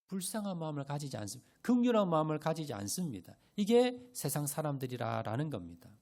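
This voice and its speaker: A man's voice: on the high side, fast talker. A male pastor preaching a Sunday sermon, often asking the congregation questions and answering them himself. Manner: animated, rising and falling emphasis. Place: church sanctuary.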